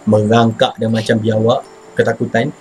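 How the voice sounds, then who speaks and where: A man with a Malaysian Malay accent casually telling his own ghost story, animated and slangy, bursting into his own panicked shouts. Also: lowish voice, moderate pace, over music, low-quality recording. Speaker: channel host telling a personal ghost story.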